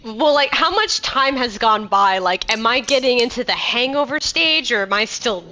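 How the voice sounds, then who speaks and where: A woman's voice: on the high side, animated, moderate pace, bright, forceful tone, slight background noise. A woman playing a tabletop game, chatty and laughing often. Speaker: player.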